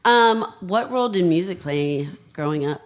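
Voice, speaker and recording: Podcast co-host, reacts and laughs along, mid-pitched, animated delivery. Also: normal speed, a little hiss or hum. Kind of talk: casual podcast interview.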